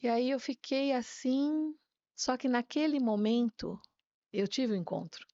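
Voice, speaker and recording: A woman pastor telling her personal faith testimony as a guest, a lively storyteller who often ends phrases with a tag question. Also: a little high, a little slow, no room sound, dull audio.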